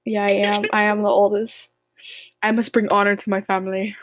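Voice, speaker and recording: A woman's voice: medium pitch, little pitch movement, a little fast. A young woman co-hosting a casual podcast, playful and teasing with slangy banter. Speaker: podcast co-host. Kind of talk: casual chat game with a friend.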